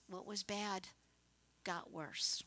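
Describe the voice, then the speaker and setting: A woman preaching a sermon, retelling the story and acting out the voices of its people, with swings between hushed, tender passages and loud, emphatic urging. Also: mid-range voice, fairly even intonation, drawn-out words.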